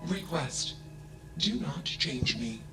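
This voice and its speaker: A man voicing a self-aware male AI machine that speaks in a flat, emotionless way, announcing each statement type in clipped words. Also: a little high, slow pace, vocal fry, over music, heavily acted.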